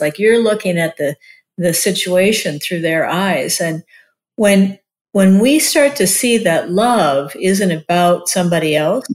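A woman in her sixties, a marriage and family therapist, talking casually in an interview and often using "like" as a filler. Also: fairly low pitch. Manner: chatty, warm-hearted, many "like" fillers.

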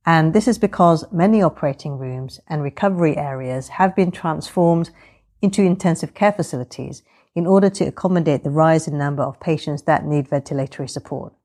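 Female surgeon vlogger, low voice, measured and orderly explanatory narration, fairly formal. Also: a little mellow.

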